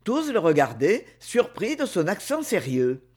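Man, audiobook narrator, measured, animated intonation. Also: high voice, breathy edge. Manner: measured literary reading. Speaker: audiobook reader. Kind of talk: novel narration.

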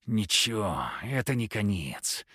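A man doing a slow, calm older hypnotist. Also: on the low side, breathy edge, dry recording, clean studio sound, exaggerated voice. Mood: cold calm. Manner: slow, soft hypnotic instructions. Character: calm, cold older male professor hypnotist. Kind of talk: audiobook character voice.

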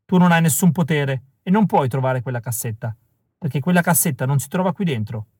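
A young woman rebel from an audiobook, cold and calculating, laying out a plan as a man reads her part. Her lines sit a little above the reader's normal pitch, and the recording is close and dry. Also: brisk, a little mellow, husky, no echo. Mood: cool briefing. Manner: cold, briefing tone.

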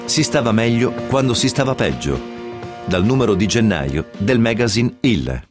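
A man presenting a radio reading segment in a measured, clear announcing voice. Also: fairly low pitch, big pitch swings. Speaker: radio host. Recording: music playing behind.

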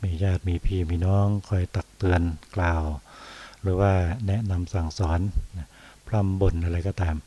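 A Buddhist monk from Thailand giving a dhamma talk, unhurried, often pausing on soft particles and repeating phrases. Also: male voice, sits low, level tone. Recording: dull lo-fi recording.

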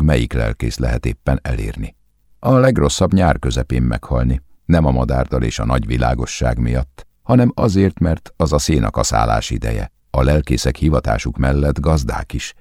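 Very deep, gravelly male audiobook narrator. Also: a little mellow, no room sound, clean studio sound. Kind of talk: scripted literary narration.

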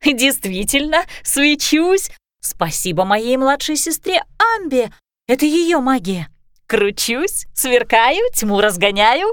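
A woman reading a storybook, voicing a chatty, excitable female dragon in a high, bubbly voice. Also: slow, no room sound, clean studio sound, heavily acted. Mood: playful.

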